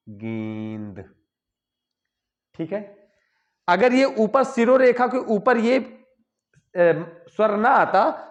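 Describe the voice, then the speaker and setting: A man teaching Hindi grammar, explaining step by step and checking in with "okay" between points. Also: high-pitched. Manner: slow, repeats "ठीक है" between points. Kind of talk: explaining at a board.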